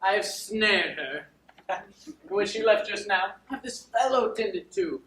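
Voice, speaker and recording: A man's voice: high voice, lively intonation, takes it slowly, fairly bright tone, exaggerated voice. A man playing a pompous steward. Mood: smug. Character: pompous, self-important male steward. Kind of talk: live stage play. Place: theatre stage. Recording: echoey stage from far off.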